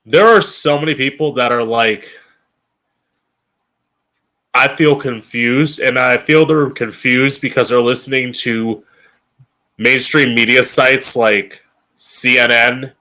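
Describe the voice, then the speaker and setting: Slow, bright-voiced campy American drag queen. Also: medium pitch. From Florida, United States. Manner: blunt, frequent swearing. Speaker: drag queen host of a political commentary show. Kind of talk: opinionated political monologue to camera.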